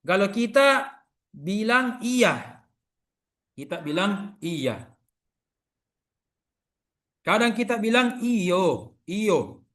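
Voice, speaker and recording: Man, high voice, online lecture, lively, checks in with listeners, video call. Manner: lively, repeats examples and asks listeners "iya kan?".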